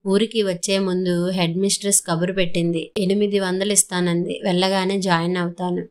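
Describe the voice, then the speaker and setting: A woman's voice: fairly low pitch, level tone, a little fast, natural voice. A woman voicing an angry, defiant young married woman in a storybook reading, with a sarcastic, cutting way of talking. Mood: determined.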